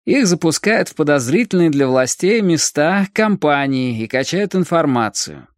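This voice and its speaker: A man playing a hard, calculating teenage gang leader who speaks in a measured, lecturing way. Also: fairly high pitch, expressive, no room sound, clean studio sound, pitched above the performer's own voice, close to an everyday voice.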